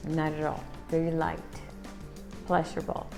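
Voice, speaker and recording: Casting: female co-host, lowish pitch, gravelly fry, informal review talk, music clearly playing underneath. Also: completely flat delivery, normal speed, mellow. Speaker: co-host of a pipe tobacco review. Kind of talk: casual review chat. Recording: music clearly heard behind the voice.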